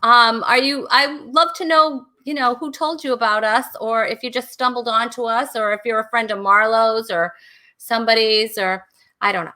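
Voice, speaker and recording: A woman with a bright, somewhat high voice hosts a relaxed live-stream chat. She laughs often and reads viewer comments aloud as she goes. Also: moderate pace. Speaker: host.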